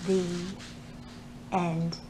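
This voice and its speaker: A children's librarian in her thirties speaks expressively and directly to young listeners during an indoor library storytime. Her pitch is fairly low, her words drawn out, and the background is noisy.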